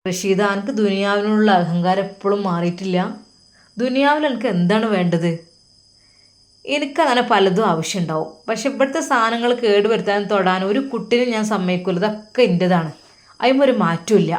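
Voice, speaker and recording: A woman's voice: medium pitch, lively intonation, a little fast, close to an everyday voice. A woman with a Malappuram Malayalam accent voicing a scornful, bossy older mother-in-law in a storybook tale. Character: arrogant, harsh older mother-in-law with a broken leg.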